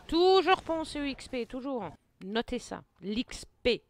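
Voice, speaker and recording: A woman hosting her gaming channel, giving excitable play-by-play commentary, taunting enemies and muttering to herself, jittery from too much coffee. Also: high-pitched, a little slow. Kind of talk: live gameplay commentary.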